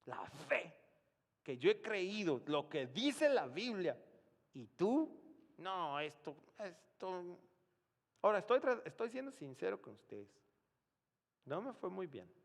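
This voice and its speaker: A male pastor preaching a sermon, telling a story dramatically, dropping to a hush and then rising to shouts. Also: sits high, big pitch swings, a little slow, long reverb tail. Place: church.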